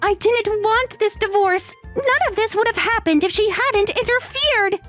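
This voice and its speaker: A woman voicing a panicked, entitled young wife in a dramatized text story, pleading and shrill. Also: unhurried, a bit bright, faint music behind. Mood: bitter.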